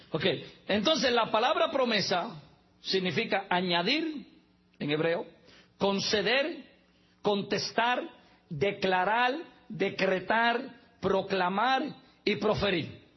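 A man's voice: high-pitched, very animated, slow pace, long pauses, breathy edge, muffled recording. A man preaching a sermon as pastor, mixing humorous asides with teaching and spelling out words letter by letter.

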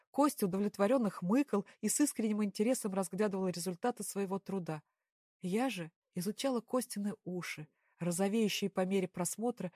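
A woman narrating a first-person story in a calm, even audiobook style. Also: medium pitch, no echo, clean studio sound.

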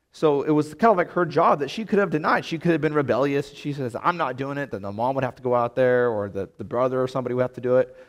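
A man teaching a Bible lesson in a casual, conversational way, full of fillers and restarts. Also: medium pitch.

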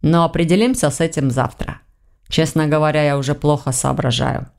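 A woman reading an audiobook, voicing a calm, decisive young man who leads the group in a low, measured voice. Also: gravelly. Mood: tired resolve. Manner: low measured steady speech.

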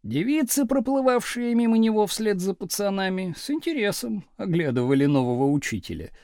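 A man reading a novel aloud as an audiobook narrator, in an expressive, dramatic storytelling manner. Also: sits high, a little fast, no room sound, clean studio sound.

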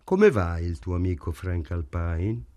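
A man reading as a crude, menacing man who speaks in a low, insinuating way. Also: big pitch swings, unhurried, mellow. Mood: leering.

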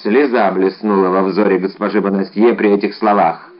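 A man narrating an adventure audiobook in an expressive, dramatic storytelling manner. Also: sits low, normal speed, dull audio. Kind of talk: scripted narration.

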